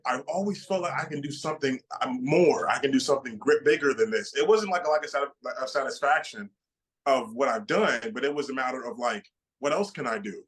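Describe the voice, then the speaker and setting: Guy in his late 20s talking fast and excited, keeps restarting his sentences. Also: medium pitch, poor audio. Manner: excited, stammering with many repeated starts. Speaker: guest bodybuilder. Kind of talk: casual interview answers.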